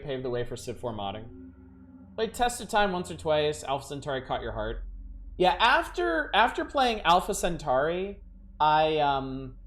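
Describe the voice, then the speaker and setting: Man with lively pitch, casual game commentary. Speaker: video game streamer. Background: faint game music.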